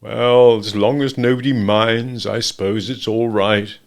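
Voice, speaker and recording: A man voicing a gloomy old donkey who grumbles slowly. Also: fairly low pitch, steady tone, gravelly. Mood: glum. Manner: slow, grumbling.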